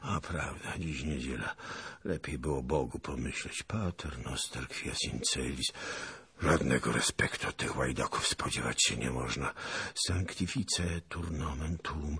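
A man voicing a grumbling, boastful old nobleman who mutters curses and prayers, then shouts excitedly. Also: rumbling low, vocal fry, slightly rough, dry recording, full character voice. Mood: muttering.

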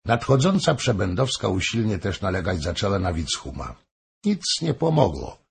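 A man reading a historical novel aloud in measured narration. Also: deep voice, big pitch swings, vocal fry, breathy edge. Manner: measured storytelling. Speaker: audiobook narrator. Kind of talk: scripted narration.

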